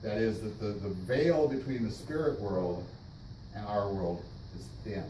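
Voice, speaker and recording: A man leading a casual church class discussion, thoughtful and halting, with many restarts. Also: fairly low pitch, expressive, mellow. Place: church meeting room. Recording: echoey room, distant mic, noisy.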